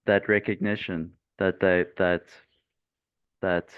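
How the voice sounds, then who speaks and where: A male interview host speaks from a video call. His voice is low and smooth, and he searches haltingly for his words. The audio is dry and narrow, like a phone line. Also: flat delivery, no room sound. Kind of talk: conversational interview.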